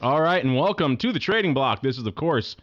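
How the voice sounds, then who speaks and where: A man's voice: medium pitch, lively intonation, a little fast, lo-fi sound, a little hiss or hum. A man hosting a show in a casual radio style with playful, announcer-like patter. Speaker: podcast host.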